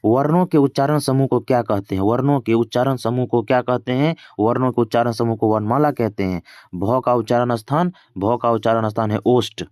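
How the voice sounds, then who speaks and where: A man teaches exam grammar in a mid-pitched voice, close to a dry microphone. He asks each question twice and then answers it, keeping a casual classroom tone. The sound is plain and close, with no room echo. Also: a little fast, darkish tone. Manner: casual teaching with English filler words. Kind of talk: exam-prep grammar lesson.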